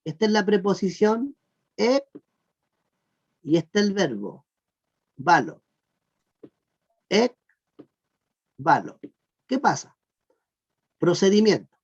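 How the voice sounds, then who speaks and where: A teacher giving an online class on Greek verb grammar, patiently repeating "look" and asking the class whether it is clear. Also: mid-range voice, lively intonation, measured pace, long pauses, a little mellow. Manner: patient, repeats "miren" and "fíjense" often; asks the class check questions. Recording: muffled lo-fi recording.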